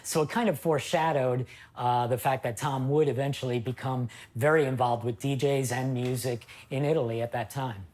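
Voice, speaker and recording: A man giving measured background commentary as an interviewee in a documentary. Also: mid-range voice, fairly even intonation, darkish tone, a little hiss or hum. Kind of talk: explanatory commentary.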